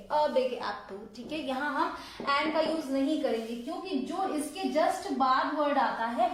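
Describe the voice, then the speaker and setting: High-voiced woman teaching in an echoey room. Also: slight background noise. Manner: explains step by step, quizzing viewers with questions. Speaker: English teacher. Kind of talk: online grammar lesson.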